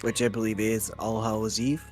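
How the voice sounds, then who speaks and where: A man co-hosting a casual podcast chat, dry and deadpan with terse replies. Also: lowish voice, brisk, soft background music. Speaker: podcast co-host.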